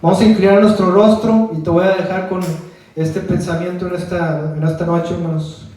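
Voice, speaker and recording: A man preaches a sermon and prays in a high but dark, mellow voice, coming from some distance away. The room rings with heavy echo. He addresses his brothers and calls on the Lord again and again. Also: flat delivery, normal speed. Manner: fills nearly every phrase with "hermanos" and "Señor". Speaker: preacher leading a Bible study. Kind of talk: evangelical sermon and prayer. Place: church hall. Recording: very echoey room, voice from far off.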